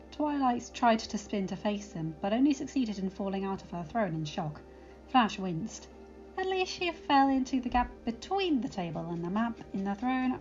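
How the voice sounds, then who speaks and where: Woman narrator, expressive audiobook reading, mid-range voice, slightly muffled lo-fi sound, faint music. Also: mid-range voice. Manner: expressive storytelling. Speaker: audiobook reader. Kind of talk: fan fiction audiobook narration.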